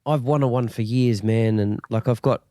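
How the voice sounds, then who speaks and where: Male interviewer, broad Kiwi accent, relaxed and matey, mid-pitched voice, close dry recording. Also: normal speed, dry recording. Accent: New Zealand. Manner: laid-back, matey, encouraging. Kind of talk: casual chat interview. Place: at home on a remote call.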